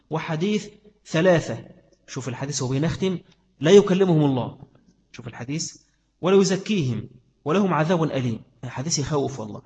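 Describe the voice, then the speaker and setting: Fast-talking Egyptian preacher in a hall. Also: male voice, a little high, a little mellow, highs cut off. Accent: Egyptian Arabic. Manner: emphatic, repeats phrases, asks rhetorical questions. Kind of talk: religious lesson, sermon. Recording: long hall reverb.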